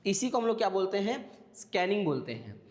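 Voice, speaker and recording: A man's voice: high voice, very animated, a little fast, darkish tone, big-room sound. A man teaching an exam-prep class, explaining step by step and checking in with his listeners. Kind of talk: classroom lecture.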